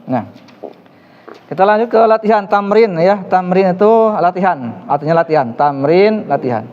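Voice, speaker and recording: A man's voice: high-pitched, moderate pace. A man teaching an Arabic class, encouraging his students and praising their answers often. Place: mosque classroom. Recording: dull reverberant room recording.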